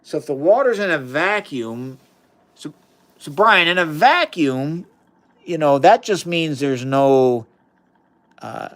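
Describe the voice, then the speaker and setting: A man's voice: a little high, lively intonation, slow pace, long pauses, a bit bright. Chatty man hosting a science livestream. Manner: chatty, enthusiastic, reads chat aloud. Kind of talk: casual live science demonstration.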